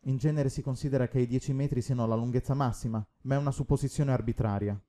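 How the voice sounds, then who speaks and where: A man reading the part of an eager, easily excited young marine scientist in an audiobook. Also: mid-range voice, lightly acted. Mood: explaining. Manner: enthusiastic, talks fast with wonder.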